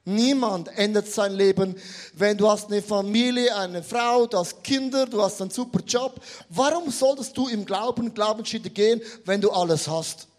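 A man with a strikingly high voice delivers a sermon. He tells the story with humor and energy, and he turns to the audience often to make his points land. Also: moderate pace. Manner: animated, humorous storytelling, addresses the audience directly. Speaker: preacher.

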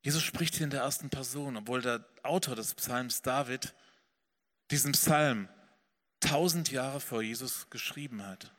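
A man preaching a sermon as pastor, earnest and swelling then dropping soft. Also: mid-range voice, unhurried, big-room sound. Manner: earnest preaching, rising and falling in intensity.

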